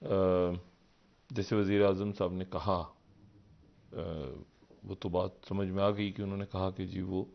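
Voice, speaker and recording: A man giving political analysis on a live TV talk show. He rambles, poses rhetorical questions, and swings from low murmurs up to raised, emphatic peaks. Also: completely flat delivery, measured pace, creaky, pauses often, highs cut off. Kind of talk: live TV current-affairs commentary.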